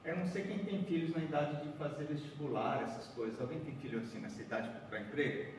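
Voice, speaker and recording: Folding paper as he walks, a Bahian man in his forties chats with a seated audience in a big conference room, often asking "né?" and "certo?" during his origami talk. He speaks fast in a fairly high voice. The far-off room camera, with no mic in sight, picks up background noise and the hall's echo.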